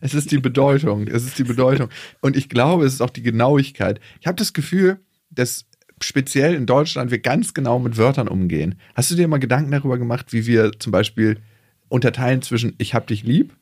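A man's voice: mid-range voice, brisk, a little mellow, breathy edge, dry recording, clean studio sound. A man in casual podcast chat, talking playfully and with emphasis, acting out the phrases he quotes in dramatic voices.

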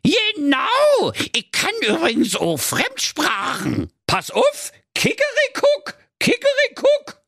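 A man's voice: wildly swooping pitch, slow, vocal fry, hardly any pauses, sharp tone, no room sound, clean studio sound, full character voice. A man voicing a cheeky, plucked male parrot in a comic audiobook. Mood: cocky. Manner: shrill, cheeky, squawking.

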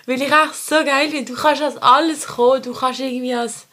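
A woman's voice: high-pitched, steady tone, a little fast, a bit bright. Bubbly Swiss German woman podcast host. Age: around 30. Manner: bubbly, enthusiastic, mixes in English phrases. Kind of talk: casual podcast chat.

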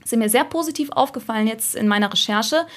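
A fairly high-voiced woman chatting casually in a podcast. She talks in a thoughtful way, with plenty of fillers and pauses. Now and then she acts out little examples. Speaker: guest, UX writer.

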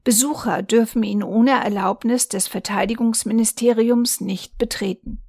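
A woman reading a newspaper reportage aloud in a calm, measured way. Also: a little high, creaky, no echo, clean studio sound. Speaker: volunteer reader.

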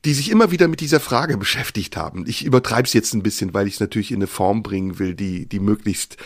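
A man telling a listener a personal story, reflective and unhurried, often pausing with fillers. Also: on the low side, no room sound, clean studio sound.

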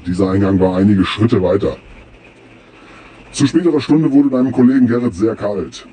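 A man speaking in a disguised deep voice, reading a formal anonymous statement in a flat, measured way. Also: a little hiss or hum. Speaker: anonymous informant in a sent-in recording.

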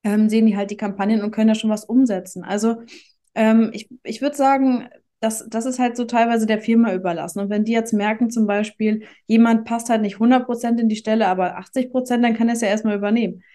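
With a somewhat high, steady, dark-toned voice, a fast-talking woman, the managing director of a marketing company, gives casual explanations as an interview guest. She works through examples informally and uses tag questions.

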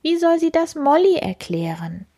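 A woman reading a children's story aloud, gentle and hushed, often half-whispering. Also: high voice, sing-song, moderate pace. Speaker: reader.

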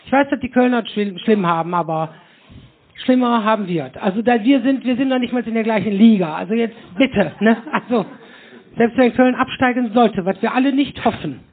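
Host, male, rambling stage chatter, high voice, muffled phone-like live recording. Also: brisk. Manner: rambling, constant tag questions "ne?". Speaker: host of a live podcast show. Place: hall with a live audience.

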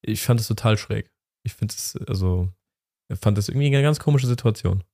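Fast-talking low-voiced man. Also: warm tone. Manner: emphatic, repeats his points. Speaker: podcast co-host. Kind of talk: casual podcast chat.

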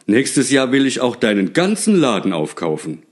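A man voicing a rough, cheeky male helper who talks boldly and briskly. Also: medium pitch, sing-song, pitched above the performer's own voice.

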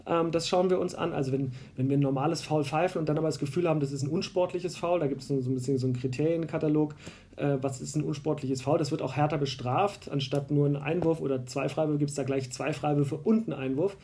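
A man's voice: on the high side, fairly even intonation, fast talker, warm tone, slight background noise. A man from Berlin, a basketball referee, explaining rules at length in a casual conversation, with many fillers and restarts.

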